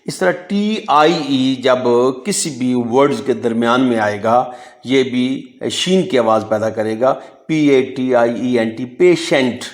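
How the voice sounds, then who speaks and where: A man giving a phonics lesson, spelling words out letter by letter. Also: mid-range voice. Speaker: English teacher.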